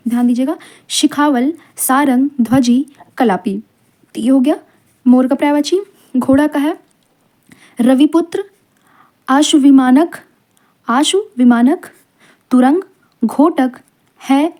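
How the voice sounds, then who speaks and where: A woman runs through long lists of words for exam revision, a bit high in pitch with a dark, mellow tone. She reads each word in a steady rhythm and breaks in now and then with a quick aside to point out a trap. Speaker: teacher. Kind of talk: exam-prep lesson reading out word lists.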